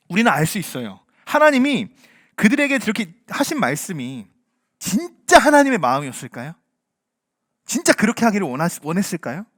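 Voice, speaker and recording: A man preaching a sermon as pastor, a parent himself, acting out quoted voices and swinging from loud to hushed. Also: a little high, no room sound, clean studio sound.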